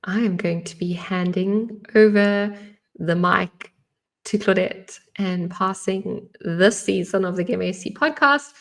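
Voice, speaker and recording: A South African woman hosts a podcast in casual chat, chatty, using fillers and laughing often. Her medium-pitched voice is slow and a bit bright.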